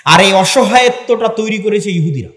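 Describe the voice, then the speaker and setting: A man's voice: high-pitched, expressive, moderate pace, fairly bright tone. A man giving an impassioned sermon-style speech to an audience in a large hall, firing off rhetorical questions. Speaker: Islamic lecturer. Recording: echoey hall with long reverb.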